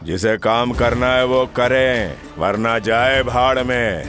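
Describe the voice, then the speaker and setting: A cold, ruthless landlord who speaks with slow, menacing weight. Film music runs clearly beneath. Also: male voice, mid-range voice. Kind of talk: Hindi film dub.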